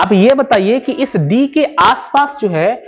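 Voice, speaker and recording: A man teaching physics at a board, explaining slowly and over and over, asking questions and answering them himself. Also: very high voice, animated, husky. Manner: keeps asking and answering his own questions; slow, repetitive explaining. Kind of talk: whiteboard lecture. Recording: slightly dull lo-fi sound.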